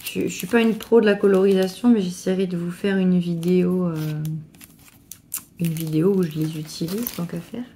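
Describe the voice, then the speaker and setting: A middle-aged woman gushing excitedly as she unboxes a craft parcel, with stumbling restarts. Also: on the low side, normal speed, a little hiss or hum. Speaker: crafting vlogger. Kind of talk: casual unboxing chat.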